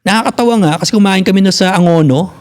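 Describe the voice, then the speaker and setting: High-pitched and a little mellow, he talks in rapid bursts. He's a forties-aged Filipino physical therapist on a casual podcast, frank and foul-mouthed, with English woven through his talk.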